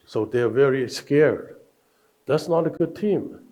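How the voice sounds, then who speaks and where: Older guy w/ teaching a leadership workshop, slow and emphatic, mellow voice. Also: mid-range voice. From Hong Kong. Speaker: workshop speaker.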